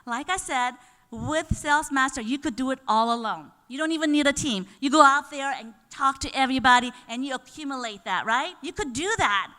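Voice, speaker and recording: A woman's voice: sits high, a little fast. A woman giving an enthusiastic live presentation at a sales seminar, often putting questions to the audience. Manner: enthusiastic, rising to excited bursts; chatty, asks the room questions. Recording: reverberant hall.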